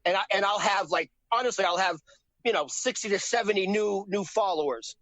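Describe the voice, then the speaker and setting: A man's voice: high-pitched, fairly quick, fairly bright tone, dry recording, rough recording. A man joking crudely as a podcast guest over a video call, stammering and restarting his sentences.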